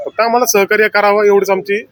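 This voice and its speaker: A man's voice: sits high, little pitch movement, quick pace, a bit bright, slight background noise. A man who runs a hotel, answering a reporter's questions in a street interview, insistent and complaining. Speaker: hotel owner.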